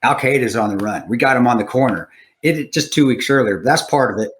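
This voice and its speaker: A man's voice: mid-range voice, quick pace, slight background noise. A man hosting a casual interview podcast, telling stories in a profane, rambling way full of restarts. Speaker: podcast host.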